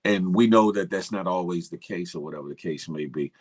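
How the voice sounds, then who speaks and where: A man's voice: sits low, a little fast, husky. A man hosting a casual chat, speaking informally and often repeating his phrases. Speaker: show host.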